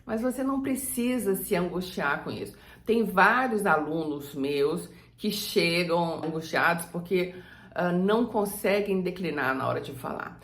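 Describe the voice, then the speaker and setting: A Brazilian woman teaching German grammar and saying example sentences slowly for the viewer to repeat. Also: lowish voice, lively intonation, roomy sound. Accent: Brazilian Portuguese. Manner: slow, drawn-out model sentences for repeating. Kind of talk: language lesson.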